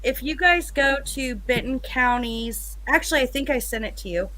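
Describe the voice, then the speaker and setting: Woman panel guest, bright and crisp, dry close sound, hesitant. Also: high voice, expressive, moderate pace, no room sound, low-quality recording. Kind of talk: casual video-call chat. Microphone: video call.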